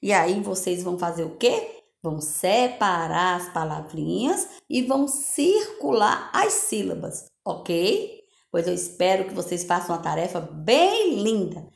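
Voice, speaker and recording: A woman's voice: fairly low pitch, big pitch swings, unhurried, gravelly, echoey room. A woman teacher with a Brazilian Portuguese accent gives a recorded lesson to young children in a coaxing, sing-song way, full of little diminutives. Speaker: primary school teacher.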